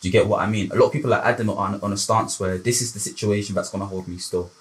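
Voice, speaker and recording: Fast-talking London roadman, low-pitched. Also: steady tone. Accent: London, urban multicultural street slang. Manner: earnest, wordy, long winding explanations. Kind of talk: casual reflective group conversation.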